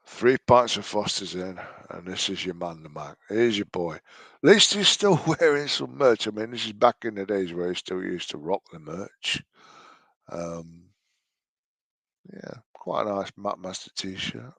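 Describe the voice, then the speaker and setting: English man, late 40s, low dry-sounding voice, sarcastic sweary commentator mocking a video. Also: a little slow, vocal fry, fairly bright tone, no room sound. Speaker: commentator reacting to a vlog.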